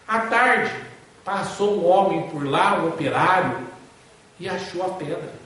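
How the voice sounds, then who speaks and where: High-voiced man lecturing in an echoey hall. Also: unhurried, fairly bright tone, far from the mic. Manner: folksy, asks listeners along with tag questions. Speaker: spiritist lecturer. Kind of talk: storytelling lecture. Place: spiritist center hall.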